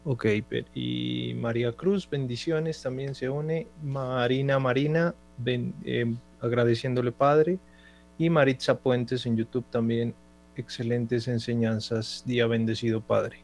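A man reads out listener comments and greetings to the priest. His voice is gravelly and stays flat in pitch, and he moves through the names briskly. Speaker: co-host reading listener comments.

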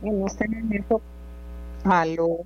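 A woman, fifty or older, calls in and speaks slowly in a dark, mellow voice, earnest and devout, pausing as she searches for words. The sound is dull and muffled like a phone line, with a steady mains hum and a dry, close sound. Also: medium pitch. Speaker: caller.

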